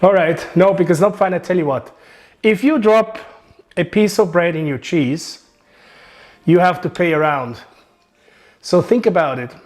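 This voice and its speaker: Swiss-accented male chef, slightly higher voice, chatty and joking, home kitchen demo. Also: unhurried, long pauses. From Switzerland. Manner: chatty, joking, relaxed instructions. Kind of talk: home cooking demonstration.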